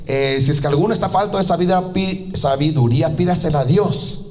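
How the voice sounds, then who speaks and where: A man preaching a sermon as pastor, telling the story lively and acting out the voices of the people in it. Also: fairly quick. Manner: animated storytelling, acting out voices with big pitch jumps.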